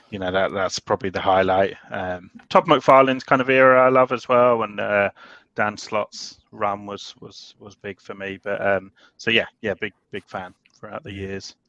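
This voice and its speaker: A man's voice: fairly low pitch, a bit bright, dry recording, lo-fi sound. A man chatting casually as a guest on a group panel. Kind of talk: casual chat.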